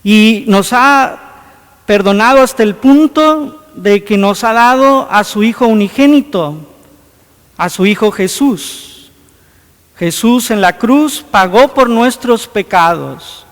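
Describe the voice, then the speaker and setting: A man's voice: high voice, lively intonation, takes it slowly. A man preaching a homily as a priest, earnest, with many rhetorical questions. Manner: earnest, rhetorical questions, acts out scripture scenes. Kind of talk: sermon. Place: church. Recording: long hall reverb.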